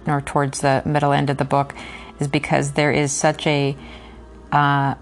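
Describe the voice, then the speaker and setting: Woman with a very low voice; reads aloud, then muses hesitantly with lots of ums; faint music under. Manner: hesitant in commentary, many fillers. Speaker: reader and book commentator. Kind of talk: reading a novel aloud, then casual commentary.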